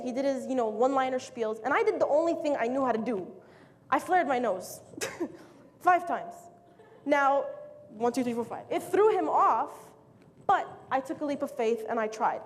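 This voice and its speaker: A young woman giving a casual, lively, joking motivational talk to an audience. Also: sits high, normal speed. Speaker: speaker. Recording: echoey hall, faint noise.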